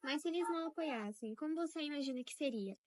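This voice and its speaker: A woman interviewer asks gentle, encouraging questions in a high, quick voice. The sound is close and dry. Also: lively intonation, no room sound. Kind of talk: documentary interview.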